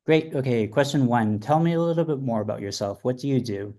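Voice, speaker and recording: A man hosting an interview podcast, welcoming his guest and asking numbered questions in an upbeat, brisk way. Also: mid-range voice, mellow. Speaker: podcast host.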